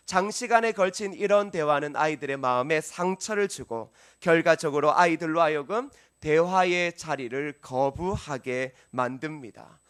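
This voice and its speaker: A male pastor delivers a sermon in a church sanctuary. His voice sits fairly high for a man. He preaches earnestly and keeps turning to the congregation with questions. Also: fairly bright tone.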